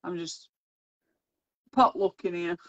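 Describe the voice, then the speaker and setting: A woman chatting casually while colouring on a livestream, unhurried, with soft chuckles and fond remarks. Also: fairly low pitch, no room sound. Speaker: livestream co-host. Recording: dull, dry lo-fi livestream audio.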